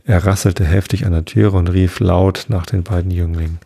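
A man hosting a podcast, reading a fairy tale in a calm, unhurried way. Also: sits low, gravelly, no echo, studio quality. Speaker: podcast host and storyteller.

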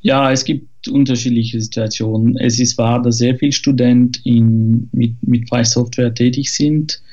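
A man's voice: mid-range voice, steady tone, normal speed, warm tone. Hesitant French-accented man, muffled. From France. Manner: hesitant, many fillers and restarts. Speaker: guest, software developer. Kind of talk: casual podcast interview.

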